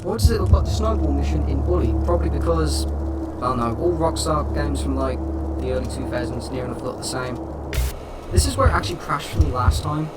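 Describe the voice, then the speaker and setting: A man's voice: a little high, a little fast. A young man streaming a game in casual, rambling commentary, his voice half robotic and doubled because his mic is captured twice. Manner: rambling, filler-heavy chatter. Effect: half-robotic, doubled voice from the mic being captured twice. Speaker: gaming streamer. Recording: distant mic with loud background noise.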